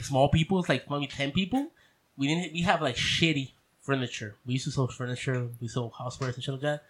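A young man with a Mexican accent, trading jokes with his friends on a podcast. His voice sits a little high for a man. He talks in a loose, profane, playful way and laughs often. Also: a bit bright. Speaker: podcast co-host. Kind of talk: casual chat among friends.

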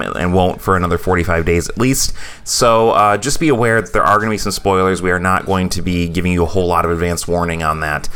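A man's voice: deep voice, fairly bright tone. A man, hosting a casual podcast chat and rambling with many fillers. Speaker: podcast host.

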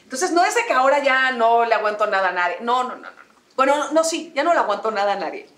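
A woman with a Mexican accent, a guest telling a personal story in candid conversation and mimicking others with a high voice. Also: very animated, fast, fairly bright tone. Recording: echoey room.

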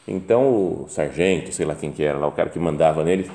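A man's voice: a bass voice, quick pace, mellow. A man with a Brazilian Portuguese accent, a priest leading a meditation, telling anecdotes in a chatty way and acting out the people he quotes. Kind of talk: anecdotal storytelling in a spiritual talk.

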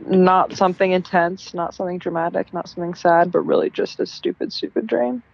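Woman, podcast co-host, slangy, laid-back, husky, muffled phone sound. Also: on the low side, brisk, a little mellow, no echo. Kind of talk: casual chat.

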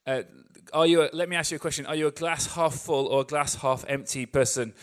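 A brisk English preacher with a higher voice and fairly even intonation talks casually to his congregation during a sermon. He jokes along the way and acts out voices, giving the optimists an ever-rising energy.

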